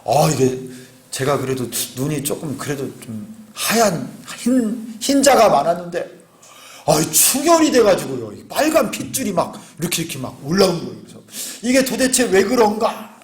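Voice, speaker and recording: High-voiced pastor preaching in an echoey church. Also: male voice, very animated, moderate pace. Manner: earnest, rising to fervent exhortation. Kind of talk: sermon. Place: church sanctuary.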